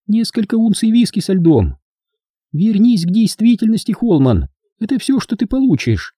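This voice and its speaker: A man's voice: high-pitched, very animated, moderate pace, mellow, husky, no echo, studio quality, voice pushed up, exaggerated voice. A man voicing a prim, prickly young woman secretary who speaks sharply and indignantly in an audiobook reading.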